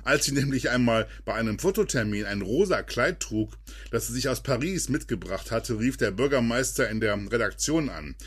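Husky man narrating with lively pitch. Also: moderate pace. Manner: lively storytelling read with dramatic drops in pitch. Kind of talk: scripted podcast narration.

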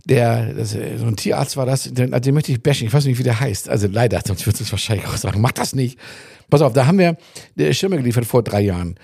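Give me a gravelly, husky German man telling stories. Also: mid-range voice, fast, no echo, studio quality. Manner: animated storytelling, swears freely; acts out dialogue in his anecdotes. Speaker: podcast co-host. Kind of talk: casual chat.

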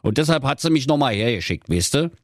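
A man's voice: a little high, animated, moderate pace, dry recording, studio quality, pitched above the performer's own voice, natural voice. A man voicing a good-natured, henpecked excavator driver who pleads and grumbles about his wife. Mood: soothing. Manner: pleading, exasperated, rhyming chants. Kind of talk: comic fairy tale reading.

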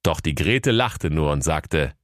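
Deep male narrator for a comic fairy-tale parody, mock-solemn, dry studio read. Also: expressive, a little slow, no room sound.

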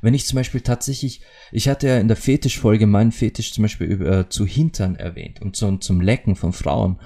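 A man's voice: fairly low pitch, steady tone, brisk, dark tone. A man hosting a podcast, speaking in an intimate, musing monologue that circles back and repeats its phrases. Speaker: podcast host. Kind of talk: reflective monologue.

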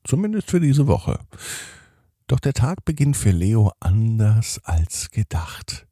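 Low, lively bedtime storyteller man. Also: slow, slightly rough, no room sound, clean studio sound. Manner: gentle, addresses children directly. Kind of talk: bedtime story narration for children.

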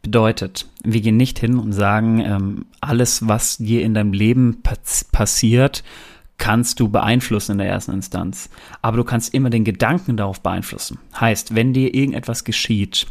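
Male co-host, lowish voice, earnest and conversational motivational advice, explained through examples. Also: steady tone, normal speed, darkish tone. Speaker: podcast co-host.

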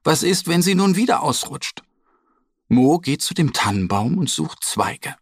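A man reading a children's story aloud in a slow, lively, expressive way. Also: on the high side, husky, no room sound, clean studio sound.

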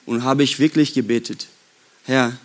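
A young man from Brazil with a Brazilian accent, preaching a sermon at a youth retreat in slow, halting German. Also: medium pitch. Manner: slow, halting German with non-native grammar. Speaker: youth pastor. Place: worship room before a youth audience.

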